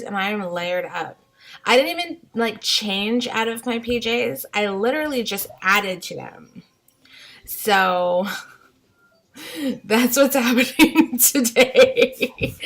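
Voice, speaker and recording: A woman's voice: fairly high pitch, gravelly, a bit bright. A young woman and mother talking casually at home, rambling and unguarded with lots of "like" fillers. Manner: chatty and unguarded, many "like" fillers. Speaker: vlogger, mother of three. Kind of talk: casual rambling vlog rant. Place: home, somewhere with mild winters.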